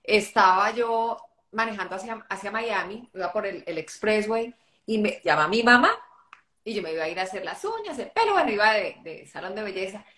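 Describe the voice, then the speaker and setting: A woman's voice: medium pitch, expressive, a little fast, fairly bright tone. A woman who is a guest in a conversation, telling a personal story and acting out the dialogue within it. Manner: narrates with acted-out dialogue. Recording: echoey room.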